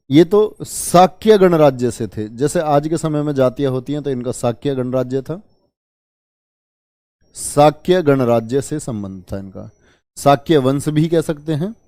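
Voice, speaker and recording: A male teacher leads an online exam-prep history lesson with a somewhat high, mellow voice. He repeats each term and keeps quizzing his students, calling them children. The sound is dry and close, with no room echo. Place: online class.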